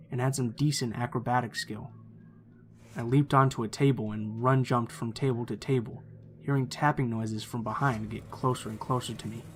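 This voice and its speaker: Reading aloud as narrator for the channel, a man with a mid-range voice tells a true scary story at an even, measured pace.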